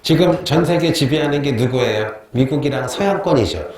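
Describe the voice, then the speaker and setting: A man's voice: mid-range voice, animated, fairly quick, darkish tone. A man teaching a history class, asking questions and answering them himself, repeating key terms and telling joking stories. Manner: chatty, tells joking anecdotes. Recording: very echoey classroom with faint noise.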